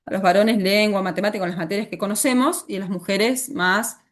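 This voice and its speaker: Her voice sits at medium pitch and moves a little fast as this Argentine-accented teacher lectures, frequently stopping to ask her students questions.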